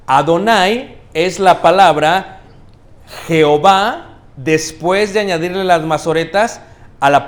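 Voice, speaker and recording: A man with a fairly high voice preaches a teaching sermon in a church. He keeps checking that his listeners follow, asking them questions and adding a quick "ok?". He slows down and stresses the key words.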